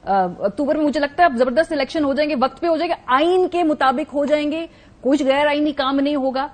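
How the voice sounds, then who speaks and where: A woman speaking as an analyst in a TV studio. She has a high voice and a pointed, analytical manner. She presses the guest with sharp questions. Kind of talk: TV talk-show analysis.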